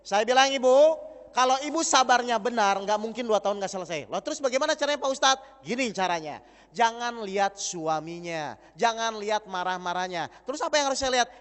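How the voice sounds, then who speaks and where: A man preaching a lively sermon, acting out dialogue and putting questions to the audience. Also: high-pitched, brisk, clean tone. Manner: animated, acts out dialogue, asks the audience questions. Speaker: Islamic preacher. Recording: long hall reverb.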